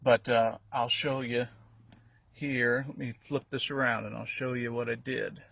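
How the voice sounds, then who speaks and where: A vehicle DIY creator gives a folksy, handheld walkthrough in and around a pickup truck cab, explaining things informally and rambling a bit. His mid-range, fairly bright voice is flat and measured with vocal fry, and the phone or camera audio sounds dull, lo-fi, and echoey.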